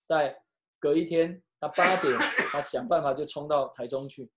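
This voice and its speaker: A pastor preaching and telling a story, switching between hushed and loud delivery, with some halting restarts. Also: mid-range voice, very noisy. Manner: emotional, with sharp swings from hushed to loud. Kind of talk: storytelling sermon.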